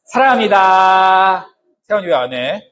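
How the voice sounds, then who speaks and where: A man's voice: a little high, lively intonation, moderate pace, slight background noise. A man preaching a sermon to his congregation in a conversational way, often asking them questions and adding humorous asides. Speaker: pastor.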